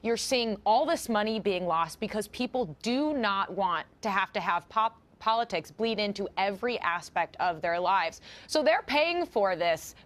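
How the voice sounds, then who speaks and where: A woman guest on a news panel who gives her opinion in a steady, argumentative flow. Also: mid-range voice, a little slow, few pauses.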